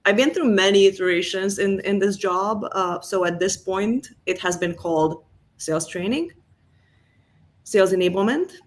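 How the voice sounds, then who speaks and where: Here a woman with a Hungarian accent talks at normal speed in a mid-range voice. As a guest in an interview, this revenue enablement executive describes her career in a chatty way, leaning heavily on fillers.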